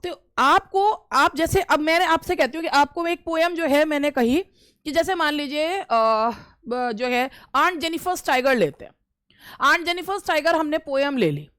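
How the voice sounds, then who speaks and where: A woman's voice: high-pitched, expressive, normal speed, fairly bright tone, no echo. A middle-aged woman from India, giving casual instructional advice as a teacher, repeating phrases and hesitating often. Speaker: English teacher giving interview tips.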